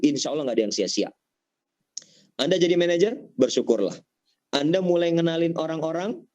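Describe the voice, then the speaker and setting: A man giving a motivational sales talk, acting out customer dialogues in higher voices and quoting Arabic verses. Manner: animated, jumps to higher pitch when acting out customers; quotes Quran verses in Arabic. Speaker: motivational speaker at a sales meeting. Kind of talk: preachy sales pep talk with acted-out dialogues.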